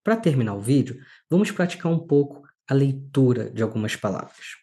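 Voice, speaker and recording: A man teaching a recorded lesson, explaining slowly and clearly and stressing syllables. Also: mid-range voice, expressive, dark tone.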